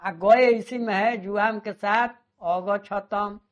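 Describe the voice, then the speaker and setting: A man teaching a grammar lesson, slowly repeating and drawing out words. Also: high voice, steady tone. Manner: slow, repeats words and stretches them out. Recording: dull lo-fi sound.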